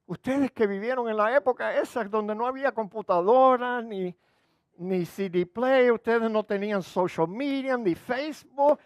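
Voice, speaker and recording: A man's voice: very high-pitched, normal speed, no echo, studio quality, voice pushed up. A man doing a sassy teen girl. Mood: incredulous. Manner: incredulous, sassy. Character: exasperated teenage girl, sassy and mocking.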